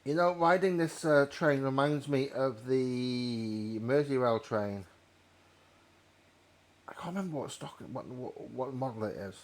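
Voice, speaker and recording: A man's voice: mid-range voice, unhurried. A man giving casual commentary while playing a train simulator, rambling and correcting himself as he goes. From North Wales. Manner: rambling, self-correcting storyteller.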